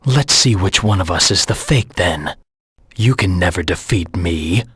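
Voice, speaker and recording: Husky, low-pitched Shadow the Hedgehog. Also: male voice, expressive, measured pace, fairly bright tone, no echo, studio quality, full character voice. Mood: cold, defiant. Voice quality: gravelly, husky. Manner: stern, brooding, self-assured. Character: brooding male hedgehog antihero, proud, cold, haunted by lost past. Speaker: video game protagonist. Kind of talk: scripted video game voice lines.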